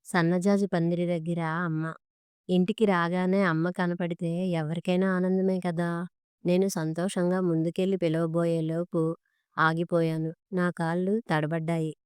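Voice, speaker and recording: A woman narrating a family story in a measured, even storytelling voice. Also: lowish voice, clean tone, no echo, studio quality. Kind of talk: scripted narration.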